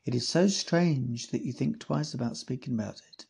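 Guy with a husky gravelly voice reading old files out loud, chatty, keeps correcting himself. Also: mid-range voice, moderate pace. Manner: casual, self-correcting, wry asides. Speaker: podcast host. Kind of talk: reading archive files aloud with chatty commentary.

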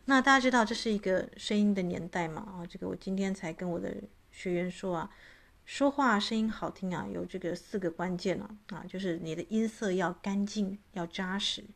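A woman who coaches voice and astrology chats casually with her audience, full of filler particles and even imitating cat meows. Her medium-pitched voice is fairly quick and has vocal fry.

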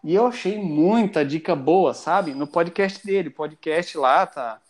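A man's voice: on the high side, unhurried. A Brazilian man chatting casually as a podcast guest, rambling and restarting his sentences often. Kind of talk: casual chat.

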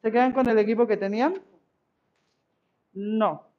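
A woman's voice: fairly high pitch, fairly even intonation, a little slow, lo-fi sound. A woman teaching an online class, encouraging her pupils and checking in with them often.

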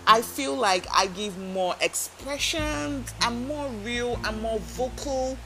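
A woman hosts a self-help podcast alone at a microphone, earnestly coaching listeners by asking them direct questions. Her voice is fairly high and slow, and the recording is rough.

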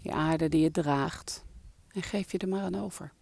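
A soft-spoken meditation guide leading a relaxation exercise in a calming, breathy voice that trails into whispers. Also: mid-range voice, normal speed, no room sound.

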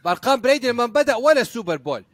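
A man, co-hosting a sports podcast, arguing excitedly and restarting his sentences. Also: extremely high pitch, racing, no room sound. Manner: excitable, argumentative, trails off and restarts. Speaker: podcast co-host. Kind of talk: heated casual sports debate.

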